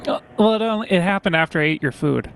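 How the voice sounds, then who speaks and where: A man's voice: high voice, expressive, fast talker, vocal fry, a bit bright. A man making a prank phone call, speaking in a hesitant, stammering, rambling way. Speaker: prank caller.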